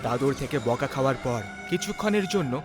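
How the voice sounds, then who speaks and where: A man calmly narrating a horror story in a measured storytelling voice. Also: mid-range voice, music in the background.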